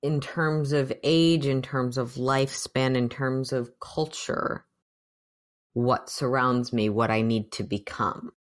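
A woman playing a wry changeling cleric, very low voice. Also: fairly even intonation, takes it slowly. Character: young male changeling cleric, wry and self-serving.

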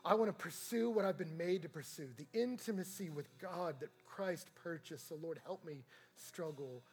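Brief: high-pitched husky male pastor, passionate sermon delivery, quiet-to-loud swings. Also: moderate pace. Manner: swings from hushed to loud and impassioned. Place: church sanctuary.

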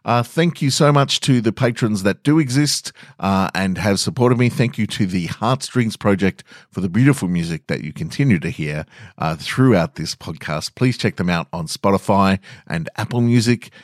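Animated and fairly low, the man speaks at a moderate pace as he narrates scripted short stories and chats with listeners on his podcast. He's Australian, and the sound is clean studio audio without echo.

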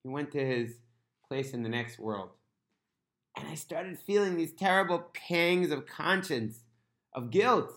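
A man recounts a heartfelt story in an earnest, sincere way, his voice sitting slightly high. He shifts into the characters' own words as he goes and scatters Hebrew and Yiddish religious terms through the telling. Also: lively intonation, measured pace. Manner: earnest, warm retelling that slips into the first-person voices of the characters.

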